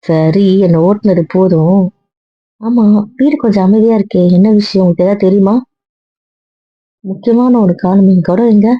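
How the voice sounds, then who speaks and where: A woman's voice: mid-range voice, normal speed, pauses often, no room sound, lightly acted. Woman as a stubborn young wife, earnest pleading, dull lo-fi audio drama. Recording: dull dry lo-fi sound.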